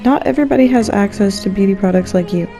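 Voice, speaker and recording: Over soft game music, a woman streaming games jokes her way through casual commentary with a wry, playfully dramatic flair. She speaks fast in a mid-range voice.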